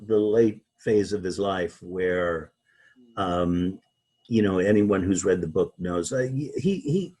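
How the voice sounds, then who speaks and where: Husky-voiced man, halting guest. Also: medium pitch, a little mellow. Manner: halting, many restarts and repeated words. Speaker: interview guest, author. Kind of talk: conversational interview.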